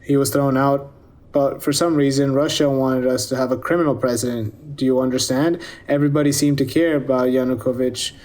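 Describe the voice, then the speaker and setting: A man's voice: medium pitch, steady tone, a little fast, a little mellow. Man, interviewer, pressing questions, sarcastic, lecturing tone. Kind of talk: pointed questioning.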